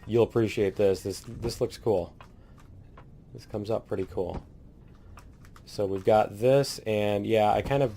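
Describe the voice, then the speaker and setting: A man chatting casually as he tours his base in a building game, rambling and laughing, a little hoarse and clearing his throat now and then. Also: lowish voice, dark tone, a little hiss or hum. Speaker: let's play host. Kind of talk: casual gameplay commentary.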